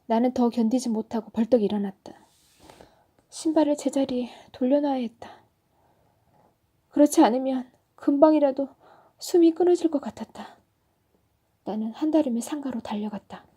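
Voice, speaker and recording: A woman storyteller reading a children's story aloud in a soft, often whispery narration. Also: on the high side, fairly quick, husky.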